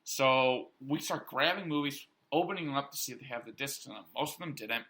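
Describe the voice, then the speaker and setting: A young man co-hosting a podcast, telling a story in an animated way among friends. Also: medium pitch, a little fast. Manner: animated storyteller, acts out quotes, swears casually. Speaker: podcast co-host. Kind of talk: casual chat, storytelling.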